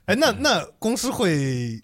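A man's voice: high-pitched, big pitch swings, a little slow, fairly bright tone. A man in casual conversation, agreeable and often chiming in with short affirmations.

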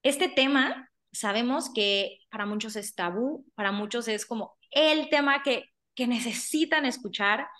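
A woman with a Mexican accent hosting a podcast, talking informally and haltingly, with repeated words and tag questions. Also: fairly high pitch, a bit bright. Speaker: podcast host. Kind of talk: casual conversational podcast introduction.

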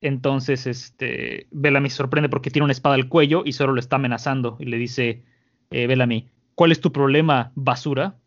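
A man with a Mexican accent casually retelling a comic story, animated and full of fillers, on a muffled recording. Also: medium pitch, fairly quick. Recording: muffled lo-fi audio.

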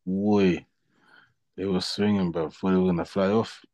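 A man's voice: low voice, fairly even intonation, normal speed, dark tone, no room sound. A young man with a London roadman accent chatting casually about football in slangy, sweary banter. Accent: London, urban roadman slang. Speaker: football podcast co-host.

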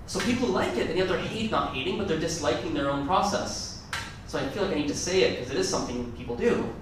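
Talking fast in an animated, rather high voice, a Gujarati-native man rambles chattily through a conference talk, frequently correcting himself partway through sentences. Background noise is present, and the distant mic picks up the echo of the large hall.

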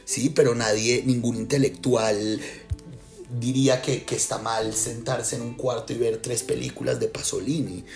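A man from Colombia with a Colombian accent, a writer and lecturer musing in a casual, thoughtful way with many pauses and restarts. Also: mid-range voice, fairly even intonation, darkish tone. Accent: Colombian Spanish. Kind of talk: casual reflective talk. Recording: music clearly behind.

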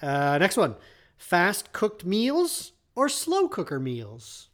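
A man hosting a podcast, reading out rapid-fire questions and teasing his co-host in casual chat. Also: sits high, wildly swooping pitch, fairly bright tone.

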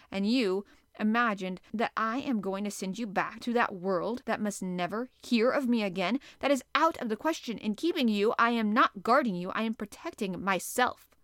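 A stern, proud sea captain, voiced by a woman reading a novel aloud speaks with cold, measured force. The voice is smooth and resonant, heard in a dry, close recording. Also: mid-range voice, a bit bright, no room sound, lightly acted.

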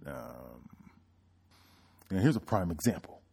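A man hosting his podcast in a casual, reflective monologue, pausing often with ums and restarting sentences. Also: low-pitched, big pitch swings, vocal fry, a little mellow, a little hiss or hum. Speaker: podcast host.

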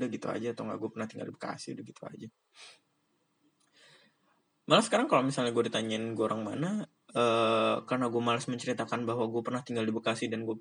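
A man's voice: medium pitch, creaky, fairly bright tone, husky. Rambling, chatty young Indonesian man. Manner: chatty, rambling, laughs often, slangy. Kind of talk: casual monologue.

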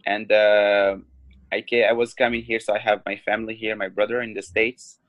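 Flat-voiced Moroccan man in his twenties. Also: on the low side, dry recording, highs cut off. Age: 20s. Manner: halting, many ums and restarts. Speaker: guest, professional fighter. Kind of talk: casual interview talk.

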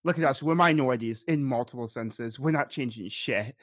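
A young man co-hosting a podcast, calmly explaining his views in casual chat. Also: medium pitch, a little fast, no room sound, dull audio. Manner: calm, reasoning, explanatory. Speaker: podcast co-host.

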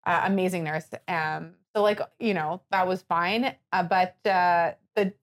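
A woman on a podcast telling her birth story in casual chat, animated and full of fillers, her nose stuffed up. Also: lowish voice, measured pace.

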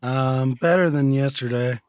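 A young man co-hosting a podcast in casual chat, his voice hoarse from a fever, talking in a low-key way. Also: unhurried, a little mellow, no room sound, clean studio sound. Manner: low-key, talks little while sick. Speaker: podcast co-host.

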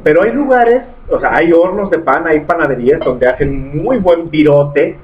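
Animated Guadalajara man chatting. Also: fairly high pitch, normal speed. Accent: Mexican Spanish from Guadalajara. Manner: animated, swears casually, rambling with restarts. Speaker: radio show co-host. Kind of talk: casual chat. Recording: dull lo-fi live stream audio with faint noise.

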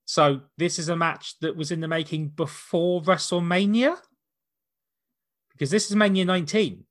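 A man with a fairly high voice hosts a casual watch-along. He talks in a loose, rambling way, circling back to rephrase his points. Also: normal speed. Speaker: podcast host.

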